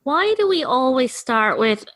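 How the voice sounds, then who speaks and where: A woman's voice: high-pitched, very animated, unhurried, fairly bright tone. A woman hosting a podcast, introducing her guest and asking chatty questions with plenty of fillers. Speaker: podcast host. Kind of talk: podcast interview.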